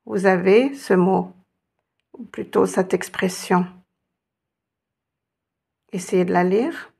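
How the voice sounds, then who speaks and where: A woman's voice: medium pitch, slow, creaky, darkish tone, breathy edge. A woman teaching Arabic reading, patiently encouraging her students and drawing out each sound. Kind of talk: reading lesson.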